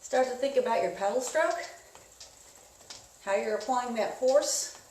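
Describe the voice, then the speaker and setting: A woman's voice: fairly high pitch, lively intonation, measured pace, a little mellow. Echoey, distant woman leading spin class. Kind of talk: instructional coaching, casual. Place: indoors, echoey room. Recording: echoey room, distant mic, clear noise.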